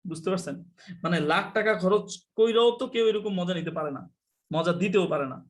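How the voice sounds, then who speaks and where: High-voiced man teaching an online class. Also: moderate pace. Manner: chatty, mixes English phrases, teasing. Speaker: English teacher.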